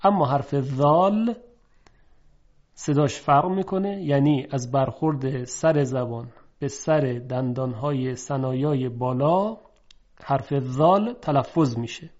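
A man teaching how to pronounce Arabic letters. He explains quickly, then recites each example word slowly and clearly, twice. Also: medium pitch, darkish tone. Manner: slow, drawn-out recitation of example words; fast explanatory talk between examples. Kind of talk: pronunciation lesson. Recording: dull lo-fi recording.

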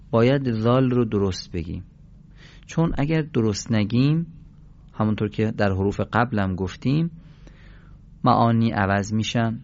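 A man teaching a pronunciation lesson for Quran recitation, explaining and then slowly drilling syllables. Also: mid-range voice, vocal fry, darkish tone, dull audio. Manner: slow, deliberate, drawn-out syllable chanting.

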